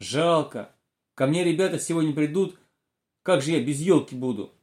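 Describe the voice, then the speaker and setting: A man's voice: on the high side, animated, moderate pace, a little mellow, lightly acted. A man voicing a picky, stubborn young boy in a storybook reading, whiny and argumentative. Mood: worried. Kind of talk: storybook character voice.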